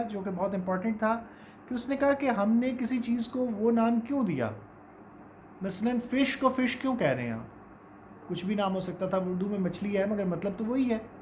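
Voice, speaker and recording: A man's voice: high-pitched, a little mellow, a little hiss or hum. A man with a Pakistani accent teaching English pronunciation, explaining casually and mixing English words into his talk. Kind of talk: informal spoken lesson.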